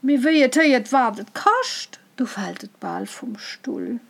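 A woman reciting a rhyming dialect tale in a measured, rhythmic way. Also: a little high, lively intonation, creaky. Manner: measured, rhythmic verse delivery. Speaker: storyteller.

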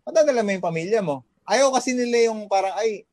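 Fast and animated, his high voice carries a slightly mellow quality, recorded cleanly in a studio with no echo. The speaker, a Filipino fitness trainer based abroad, chats casually and motivationally as a podcast guest, using plenty of fillers and tag questions.

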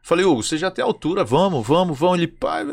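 A Brazilian man with a high, very expressive voice, swooping up and down as he tells stories in slangy casual chat. He acts out the lines of the people in his tales. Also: fast, gravelly. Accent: Brazilian Portuguese. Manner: animated storyteller, slangy, acts out dialogue.

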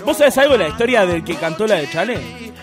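A man with an Argentine accent trading loud teasing insults as a panelist on a rowdy talk show. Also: high voice, big pitch swings, quick pace, over music. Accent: Argentine Spanish. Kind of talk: rowdy banter.

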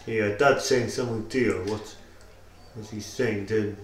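A man teasing and goading his friend in improvised comedy banter, at times shouting. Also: fairly low pitch, steady tone, unhurried, roomy sound. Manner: pushy, teasing, bursts into shouting. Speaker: friend and prankster in a comedy sketch.

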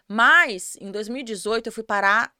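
Woman, smooth, fairly high voice, dry studio sound, candid storyteller. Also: normal speed, pushed and bright, no room sound. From Campo Grande, Brazil. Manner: earnest, open, repeats words for emphasis. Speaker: podcast guest, tanning professional.

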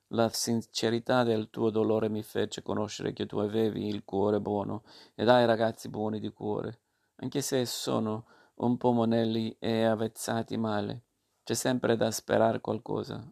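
A man's voice: fairly low pitch, gravelly, darkish tone. A man reading aloud and voicing a kind but stern fairy who patiently lectures a puppet boy. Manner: admonishing, patient.

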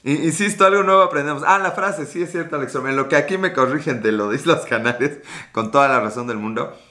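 Casting note: Mexican male streamer, late 30s, bright, slightly high voice, rambling and profane. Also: quick pace. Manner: rambling, scattered, swears often. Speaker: livestream host. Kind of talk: casual live chat reading comments.

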